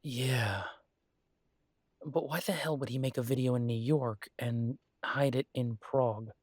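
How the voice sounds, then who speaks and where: A man playing a weary, wry, low-key thief in an audio role-play, speaking in a muted, dry, exasperated manner. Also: measured pace, darkish tone, dry recording, close to an everyday voice.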